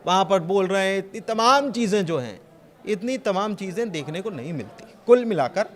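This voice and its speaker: A man speaking as a news analyst in a studio panel discussion, animated and sarcastic, firing off rhetorical questions. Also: high-pitched, normal speed.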